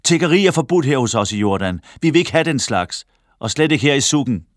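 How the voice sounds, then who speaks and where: A man voicing an angry male shopkeeper who shouts and scolds in an audiobook story. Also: medium pitch, expressive, no echo, studio quality, pitched above the performer's own voice, natural voice. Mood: furious.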